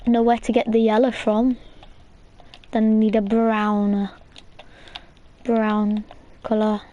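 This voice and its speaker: Chatty high-voiced woman gaming host. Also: little pitch movement, slow, mellow, highs cut off. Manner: chatty, rambling, lots of "like" and "um". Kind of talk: casual gameplay tutorial chat.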